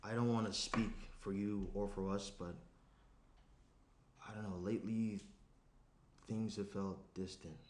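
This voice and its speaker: At a naturalistic screenplay table read, a young actor reads the lead, an awkward, earnest professional fiancé, sounding hesitant as he halts and circles the point. His voice is natural, on the low side and darkish, with fairly even intonation. A shared USB tabletop mic in a small room picks up roomy echo, with the noise clearly audible.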